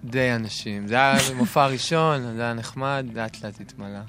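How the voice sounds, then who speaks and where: A man's voice: mid-range voice, music in the background. A man speaking casually as a musician guest on a radio show. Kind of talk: casual chat. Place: radio studio.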